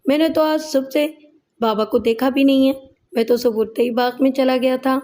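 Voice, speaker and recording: A bewildered, desperate young man pleads his innocence in a tearful, shaky voice in a storybook reading, as a woman narrator puts him on. The voice is high and mellow. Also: steady tone, lightly acted. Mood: pleading.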